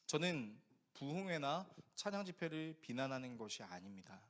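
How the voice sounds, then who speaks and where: A man preaching a sermon as pastor, animated and conversational, often asking the congregation questions. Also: mid-range voice, normal speed.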